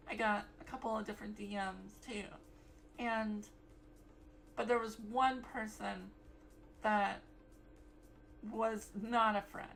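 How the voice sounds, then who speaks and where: A woman's voice: mid-range voice, fairly bright tone, rough recording. A young woman vlogging in a casual, rambling way, full of fillers and restarts. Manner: rambling, many fillers and self-corrections.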